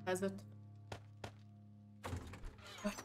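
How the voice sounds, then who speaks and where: A woman chatting casually with friends while playing a survival game, quick to react and playfully complaining. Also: music in the background. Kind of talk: casual gaming chat.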